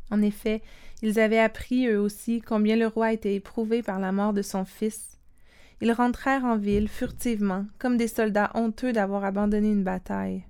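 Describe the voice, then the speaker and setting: A woman giving a calm, steady scripted reading of a Bible story, voicing the quoted lines in the same plain tone. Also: medium pitch, smooth.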